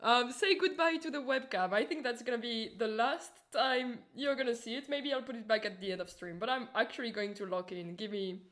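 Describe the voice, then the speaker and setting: A woman's voice: fairly high pitch, brisk, few pauses, a bit bright. A woman with a Turkish accent chatting informally to her viewers on a livestream as a streamer and animator. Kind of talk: casual livestream chat and explanation.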